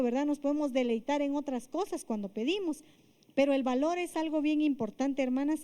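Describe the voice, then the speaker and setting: A woman's voice: high voice, mellow. A woman preaching a sermon to a women's group, earnest and often asking the listeners for agreement. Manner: earnest, asks the listeners for agreement, with frequent fillers and restarts.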